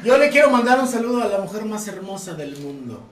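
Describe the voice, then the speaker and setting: A man's voice: high-pitched, sing-song, fast talker, distant mic. Slangy Mexican man teasing friends. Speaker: friend playing along. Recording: roomy, off-mic with chatter.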